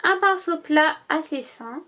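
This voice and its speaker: A woman's voice: high-pitched, expressive, measured pace, pushed and bright. A woman vlogger talking casually to her viewers, listing items one by one with many hesitant fillers. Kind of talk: casual packing-list vlog.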